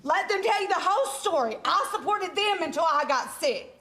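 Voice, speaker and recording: A woman's voice: very high voice, animated, brisk, a bit bright. A woman speaking as a litigant on a TV court show, arguing in a blunt, bossy and defensive way. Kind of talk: unscripted courtroom argument. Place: TV courtroom studio.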